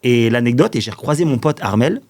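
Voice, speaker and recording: With a mid-range, darkish voice, lively intonation, and a quick pace, this forties-aged man from the Paris suburbs of France rambles through long anecdotes as a podcast guest. He leans heavily on fillers and chuckles frequently in the casual conversation.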